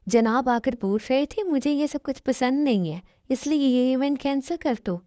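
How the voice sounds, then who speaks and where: A woman's voice: high-pitched, normal speed, mellow, dry recording, studio quality, close to an everyday voice. A woman voicing a stern, angry middle-aged mother who scolds sharply in a fan dub. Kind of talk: fan dub dialogue acting.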